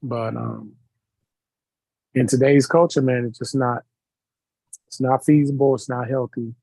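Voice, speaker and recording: A man on a podcast speaking slowly and sincerely, reflecting on the past. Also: mid-range voice, fairly even intonation, gravelly, warm tone, no echo, rough recording. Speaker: guest. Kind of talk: casual podcast discussion.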